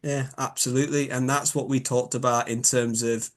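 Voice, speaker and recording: A man's voice: medium pitch, level tone, moderate pace. Man with a Yorkshire accent explaining. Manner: thoughtful, rephrases often. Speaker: biomechanics expert guest. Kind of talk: explanatory interview talk.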